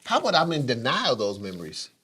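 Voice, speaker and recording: A middle-aged man sharing a personal story on a talk show. He speaks with deep feeling, and his voice rises higher and louder whenever the story grows intense. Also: wildly swooping pitch, fast, slightly rough. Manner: emotional, rises in pitch when retelling intense moments. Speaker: co-host.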